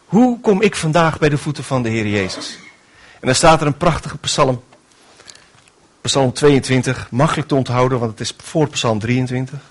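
A man preaching a sermon, emphatic and repetitive, swinging between hushed and raised delivery. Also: mid-range voice, animated, moderate pace.

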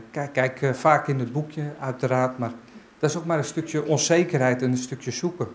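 A man speaking at a church gathering, giving an informal Bible talk and reading aloud. His delivery is halting and unsure, as he searches for his words. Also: mid-range voice, a little mellow, slight background noise, low-quality recording.

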